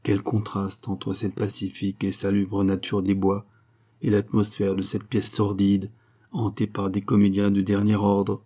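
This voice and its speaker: A man narrating a classic novel in a measured, literary reading. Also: on the low side, monotone, dark tone. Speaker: audiobook narrator. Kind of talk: scripted narration.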